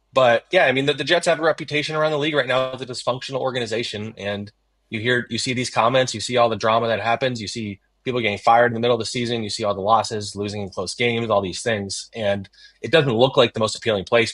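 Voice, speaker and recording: A man's voice: mid-range voice, a bit bright, dry recording. A man working as a team beat reporter in a casual sports chat, leaning on fillers like "you know" and "I mean".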